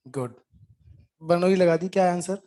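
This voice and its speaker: A man's voice: high voice, moderate pace, dark tone. Chatty male physics teacher mid-lesson. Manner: chatty, coaxing, often asks the class if they followed; mixes English terms into Hindi speech. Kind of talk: informal classroom lecture.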